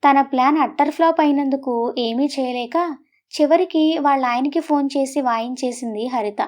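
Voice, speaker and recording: High-voiced woman storyteller. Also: moderate pace, darkish tone. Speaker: audio story narrator. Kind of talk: scripted storytelling narration.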